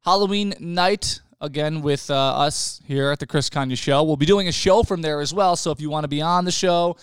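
Man, young adult, podcast host, casual chat, smooth voice, dry close-mic sound. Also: on the high side, a little fast, no echo. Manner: chatty, laughs easily, loose restarts. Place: home studio.

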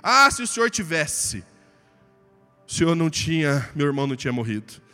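A man's voice: fairly high pitch, sing-song, brisk, bright, forceful tone, big-room sound, faint music behind. A man voicing Marta, an anxious grieving woman, in a pleading tone during a sermon.

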